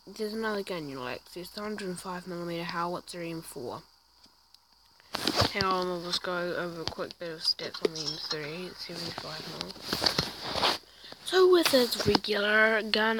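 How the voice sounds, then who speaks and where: In a fairly low, croaky voice caused by a sore throat, a woman gives a chatty gameplay review of a video game tank, poking fun at herself and often fumbling words. Clicks and loud background noise fill the recording.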